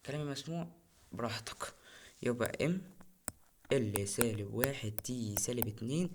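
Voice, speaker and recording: A man's voice: mid-range voice, a little hiss or hum. A young man with an Egyptian Arabic accent, tutoring physics for an exam in a casual, chatty way and repeating key terms. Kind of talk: recorded exam-prep lesson.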